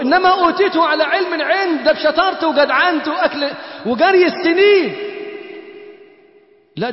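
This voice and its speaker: A man with an Egyptian accent giving a colloquial sermon. He questions the congregation directly, swinging between loud, emphatic lines and soft, slow chanted recitation. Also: very high-pitched. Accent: Egyptian Arabic. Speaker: preacher. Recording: echoey hall, dull lo-fi sound.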